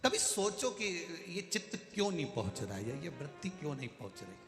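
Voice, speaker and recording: A man preaching a devotional story sermon, swinging between loud bursts and quiet phrases. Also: a little high, very animated, brisk, soft background music. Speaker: katha preacher. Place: large religious gathering venue. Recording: echoey hall with long reverb.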